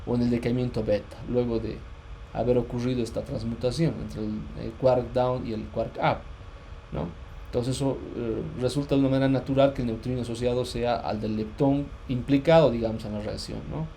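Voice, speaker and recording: Male physics lecturer, mellow tone, hesitant and repetitive delivery, slight noise in the recording. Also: medium pitch, fairly even intonation, brisk. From Bolivia. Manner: hesitant, many fillers and restarts, checks understanding often. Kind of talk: university lecture.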